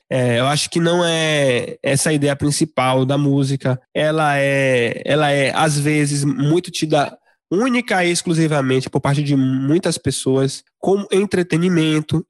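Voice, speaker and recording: A man's voice: a little high, no room sound. Hesitant man with dry close sound. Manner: hesitant, many restarts and fillers; reflective, explanatory. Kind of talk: casual discussion.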